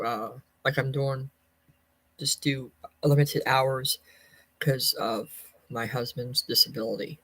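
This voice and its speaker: A personal vlogger in her fifties speaks in a rumbling low, slightly bright voice while casually sharing a life update. Rambling and folksy, she keeps repeating or correcting herself, and there's no echo.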